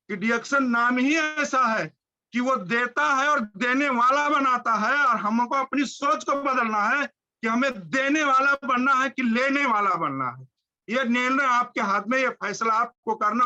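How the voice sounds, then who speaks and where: A man giving a fervent, high-energy motivational speech, repeating phrases in a driving rhythm. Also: bright, forceful tone, lo-fi sound. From India. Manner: fervent, repetitive chanting phrases. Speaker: motivational speaker.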